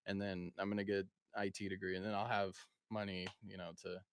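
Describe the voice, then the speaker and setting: An eighteen-year-old man hosting a podcast, chatting casually and often trailing off quietly. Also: low voice, flat delivery, brisk, clean tone. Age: teens. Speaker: podcast host. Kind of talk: casual chat.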